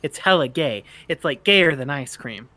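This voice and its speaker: A man's voice: on the high side, animated, moderate pace, bright, forceful tone, no room sound. A man voicing a snarky, awkward teenage bird-boy sprite in an amateur fan fiction reading, rambling and stammering in casual slang. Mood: wry teasing. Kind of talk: amateur fan fiction read-aloud, character dialogue.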